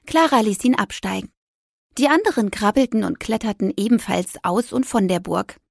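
A woman's voice: medium pitch, moderate pace, gravelly, dry recording, studio quality. Woman narrating a children's story. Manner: gentle, lively storytelling.

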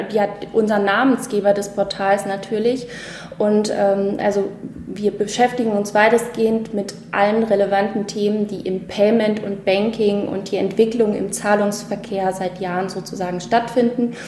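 A woman's voice: medium pitch, steady tone, moderate pace, a little mellow. A woman talking in a casual podcast conversation, hesitant with many fillers. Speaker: podcast guest, editor. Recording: roomy with faint noise.

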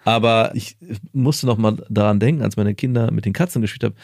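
A man with a fairly low voice chatting casually on a podcast. He speaks candidly and laughs often as he goes. The sound is dry and close, with no room around it. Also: fast talker, creaky, a little mellow, no room sound. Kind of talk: casual chat.

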